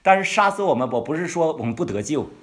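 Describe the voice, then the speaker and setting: A man giving a conversational Bible-study sermon. He asks his listeners questions and draws out key words slowly for emphasis. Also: on the high side, big pitch swings, fairly bright tone. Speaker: pastor or Bible teacher.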